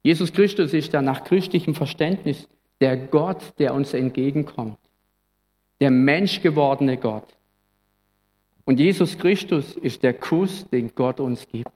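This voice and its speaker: Pastor preaching under long reverb. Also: male voice, mid-range voice, unhurried, dark tone. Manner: earnest, reflective, sometimes conversational. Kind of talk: Christmas sermon.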